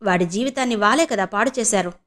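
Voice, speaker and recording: A woman's voice: medium pitch, fast talker, a bit bright, close to an everyday voice. A woman voicing an angry middle-aged wife who scolds bluntly in an audio novel. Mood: indignant. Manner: indignant, scolding.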